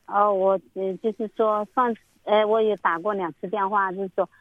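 A woman's voice: mid-range voice, fairly even intonation, moderate pace, dry recording. A middle-aged woman calling in to a radio show, telling a long story in a rambling, repetitive way. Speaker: caller. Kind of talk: phone-in call. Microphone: phone. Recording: tinny phone line, dry.

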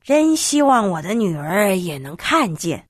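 A woman voicing a polite, warm middle-aged glassblower father in a children's radio story. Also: medium pitch, very animated, measured pace, no echo, studio quality, voice pushed down. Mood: gentle. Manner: kindly, chuckling.

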